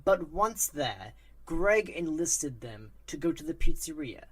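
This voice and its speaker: A narrator reading a spooky story aloud with a steady, even delivery. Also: mid-range voice, measured pace, breathy edge.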